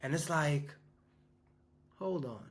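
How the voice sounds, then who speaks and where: A fifty-year-old man from New York speaks in a fairly high, expressive voice at a slow pace. As a business coach and school founder, he addresses his audience casually, rambling through restarts and fillers.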